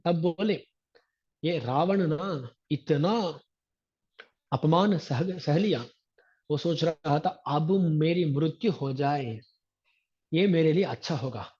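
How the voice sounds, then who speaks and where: Male religious teacher, higher voice, unhurried delivery, chants verses then explains; dull lo-fi recording. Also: darkish tone, slightly rough. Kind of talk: scripture discourse.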